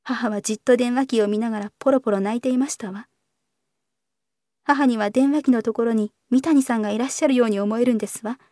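A woman's voice: on the high side, fairly even intonation, quick pace, mellow, no room sound, studio quality, natural voice. A woman voicing a well-bred young woman who pleads in polite, formal speech with a trembling voice. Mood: confiding.

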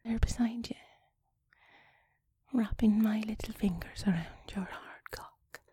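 Speaking with an Irish accent, a woman voices a chatty, flustered wife for an intimate audio roleplay, coaxing and hesitant, frequently sinking to a breathy whisper. Her pitch sits in the middle and her voice is mellow, with a soft, coaxing mood.

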